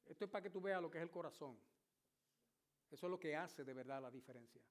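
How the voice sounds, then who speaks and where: A man's voice: on the high side, quick pace. A man in his sixties, a pastor preaching a sermon with vivid, emphatic storytelling. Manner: storytelling, emphatic, shouts at climaxes.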